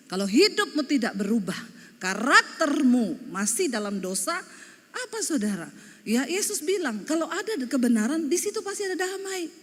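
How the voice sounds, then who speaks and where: A middle-aged woman pastor from Sulawesi with a Sulawesi accent, preaching a lively, humorous sermon that slips into Javanese phrases. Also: high voice, big-room sound. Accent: Sulawesi Indonesian.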